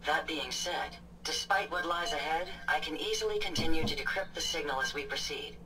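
A woman's voice: low-pitched, brisk, noisy background, lightly acted. An actress playing a polite, helpful female robot companion who speaks in a formal, precise way. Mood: calm, formal. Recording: game audio from far off over music.

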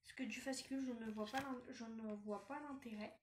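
A woman's voice: a little high, steady tone, a little fast. A woman chatting casually through a review of a collectible doll magazine, hesitant with many fillers and restarts. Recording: echoey room, faint noise.

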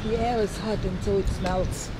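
A woman's voice: mid-range voice, steady tone, moderate pace. A woman with a German accent chiming in briefly in a casual sailing vlog. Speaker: co-host. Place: outdoors on a sailboat. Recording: loud wind and boat noise. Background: wind and water noise.

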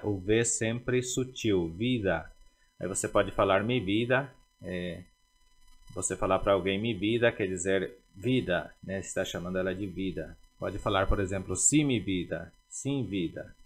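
A man teaching a language lesson, repeating words slowly and carefully to drill their pronunciation. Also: on the low side.

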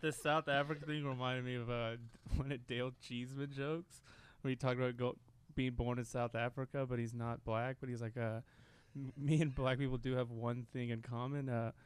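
Young male comic, smooth voice. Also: mid-range voice, level tone, moderate pace. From United States. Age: young adult. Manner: self-mocking, laughs through his lines. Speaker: comedian guest. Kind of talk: casual comedy podcast chat. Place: podcast studio, indoors. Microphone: stand mic with headphones.

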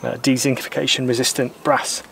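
Calm man explaining a repair, flat voice. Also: medium pitch, a little fast, vocal fry, a little hiss or hum. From Britain. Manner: calm, methodical, plain-spoken, mildly opinionated. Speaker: sailor doing boat repairs. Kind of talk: explaining repair steps while working. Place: outdoors in a garden workshop.

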